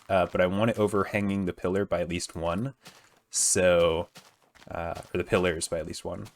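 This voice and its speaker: A young man talks through his gameplay in a deep, low voice that still sounds groggy from just waking up. He rambles casually, loses his thread, corrects himself and fills the gaps with ums and likes. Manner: rambling, many fillers and self-corrections. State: groggy morning voice. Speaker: gaming video host.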